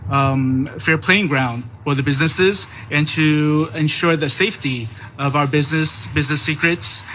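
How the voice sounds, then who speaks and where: A man's voice: fairly high pitch, steady tone, normal speed, bright, forceful tone, a little hiss or hum, rough recording. A man, president of a business association, giving brief unscripted remarks, hesitant with frequent fillers.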